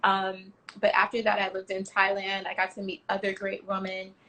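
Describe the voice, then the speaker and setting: A woman's voice: mid-range voice, moderate pace. Chatty woman from Miami, Florida. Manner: chatty, animated retelling with acted-out quotes and many fillers. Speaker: guest, travel platform founder. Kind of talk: casual interview storytelling.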